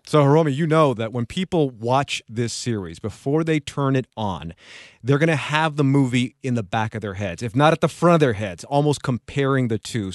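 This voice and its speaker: A man's voice: mid-range voice, no room sound. Dry-voiced male radio host. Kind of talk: public radio interview.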